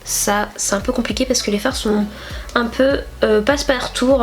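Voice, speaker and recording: This French beauty vlogger is young, has a cold, and sounds nasal from her blocked nose. Her voice sits on the high side with a steady tone and an ordinary pace as she casually chats her way through a makeup tutorial, rambling and leaning on plenty of fillers.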